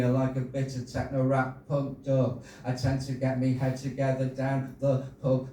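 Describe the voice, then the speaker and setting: A man in his sixties performing his own rhyming poems at an open-mic night, with halting, chatty asides between pieces and casual swearing. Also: mid-range voice, mellow. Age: 60s. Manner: rhythmic rhyming delivery, hesitant rambling asides, swears. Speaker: performance poet. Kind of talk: live poetry reading with chatty asides. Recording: very echoey room, distant, faint noise.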